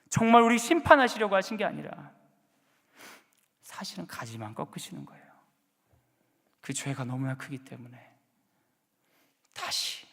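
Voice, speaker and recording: Male pastor, very high voice, dramatic preaching, long church reverb. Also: creaky. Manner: dramatic, acts out scolding parents and shouts. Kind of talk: sermon. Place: large church sanctuary.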